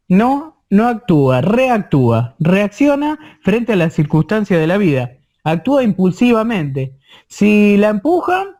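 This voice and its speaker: High-voiced Argentine man lecturing. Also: darkish tone. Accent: Argentine Spanish. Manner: repetitive, restarts often, checks in with listeners. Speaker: course instructor. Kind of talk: online course lecture.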